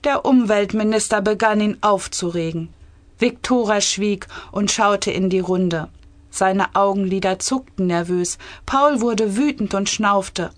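A woman from Germany, an author, reading her own satirical story aloud in steady narration. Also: mid-range voice, a little slow, dry recording.

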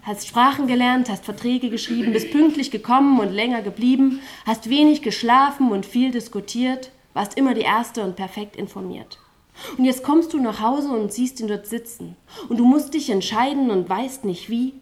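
A woman's voice: on the high side, moderate pace. A woman performing spoken-word poetry on a live stage without a microphone, with rhythmic delivery and stuttering, chant-like refrains.

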